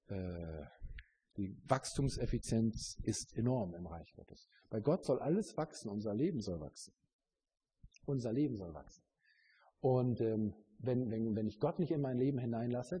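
Husky, dark-voiced German preacher man. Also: mid-range voice. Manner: earnest, searching, many fillers and restarts. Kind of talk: sermon.

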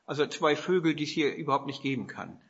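A man's voice: fairly high pitch, lively intonation, fast talker, breathy edge, lo-fi sound. A man from northern Germany preaching a sermon, telling stories with rhetorical questions and quoted dialogue.

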